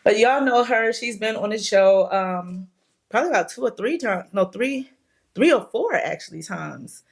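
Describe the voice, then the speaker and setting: A young woman hosts her podcast in loose, chatty talk, with a lilt. She is playful and laughs easily, and her voice sits at an ordinary middle pitch. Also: animated, moderate pace, creaky, breathy edge. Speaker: podcast host. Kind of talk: casual chat.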